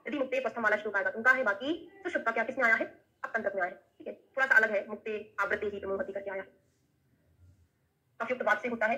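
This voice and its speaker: In a low-quality recording, a woman with a high, bright, forceful voice lectures a class on Ayurveda. She recites Sanskrit verses and quizzes her students, often ending lines with tag questions.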